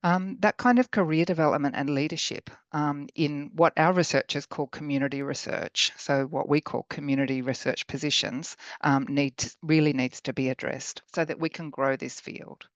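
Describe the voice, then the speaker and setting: Middle-aged female academic, croaky and hoarse, measured conference delivery, dry lo-fi video-call sound. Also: deep voice, steady tone, no room sound. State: hoarse after illness. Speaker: academic researcher giving a talk. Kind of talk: informal conference talk. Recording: dull lo-fi call audio.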